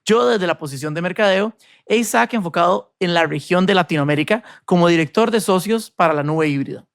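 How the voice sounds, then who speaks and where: Man from Costa Rica hosting a podcast, with a fairly high, gravelly voice and a polished, upbeat read over a dry, close mic. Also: fairly quick, a bit bright, dry recording. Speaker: podcast host. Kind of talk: scripted podcast intro and interview.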